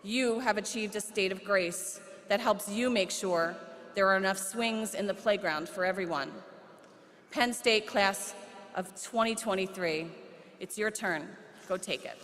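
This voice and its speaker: A middle-aged woman speaks at a podium microphone, delivering a prepared commencement address. Her pace is measured, with touches of light humor. Her voice carries a long reverb from the large hall. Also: mid-range voice, fairly bright tone.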